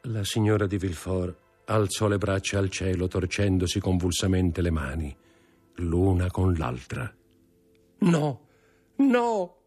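A man giving measured, dramatic audiobook narration. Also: deep voice, steady tone, darkish tone, breathy edge, faint music behind.

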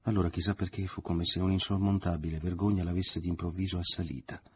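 A man narrating a literary novel in steady audiobook reading. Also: sits low, fast talker, slight background noise.

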